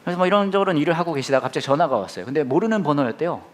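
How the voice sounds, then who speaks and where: A man preaching a sermon as a pastor, telling a story in an animated, conversational way. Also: on the high side, very fast.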